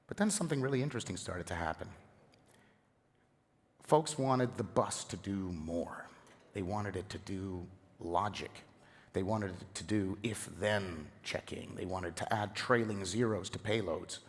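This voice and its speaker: A hoarse man with a lowish voice gives a lively, joking keynote from a conference stage. His talk is conversational and energetic. The sound carries the long reverb of a big hall. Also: unhurried. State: hoarse from the flu. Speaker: conference speaker. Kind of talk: keynote presentation.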